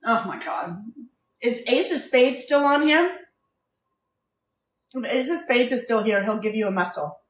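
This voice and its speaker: A woman's voice: on the high side, animated, a little slow, pauses often, roomy sound, far from the mic. Chatty rambling woman hosting a live cook-along. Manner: rambling, chatty, jumps between tangents. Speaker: live cooking stream host. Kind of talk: casual live-stream chat while cooking. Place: home kitchen.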